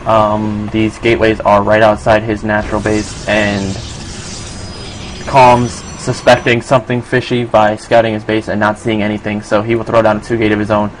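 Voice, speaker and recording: A man with a New York accent giving relaxed, filler-heavy solo play-by-play commentary on a strategy game. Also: fairly low pitch, normal speed, a little hiss or hum, low-quality recording. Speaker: esports commentator.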